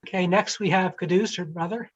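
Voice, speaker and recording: A woman's voice: fairly low pitch, fairly even intonation, fairly quick, breathy edge. A woman moderating a youth livestream over a video call, talking casually with many fillers and restarts. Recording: slightly dull lo-fi audio.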